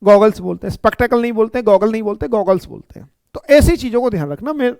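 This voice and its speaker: A man with a high, very animated voice, marked by vocal fry and a smooth, darkish tone, lectures on English grammar with no echo. He goes step by step and repeats points, regularly checking understanding with "ठीक है" and "है ना".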